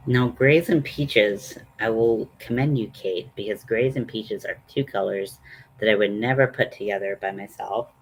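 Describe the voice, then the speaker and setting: A man's voice: lowish voice, normal speed, husky, low-quality recording. A man hosting a casual, chatty makeup tutorial in a rambling, self-deprecating way. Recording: noticeable background noise.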